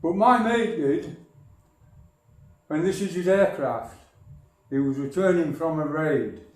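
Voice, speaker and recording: A man's voice: on the high side, lively intonation, slow, a little mellow. An older man from northern England, a local history speaker telling a society rambling, wry stories. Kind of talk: anecdotal talk to a society. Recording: echoey hall from far off.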